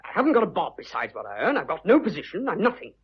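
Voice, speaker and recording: A man playing an earnest, awkward young businessman in love, talking in a blustering, gruffly tender way in a radio play. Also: sits high, huge pitch swings, racing, heavily acted. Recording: dull lo-fi recording.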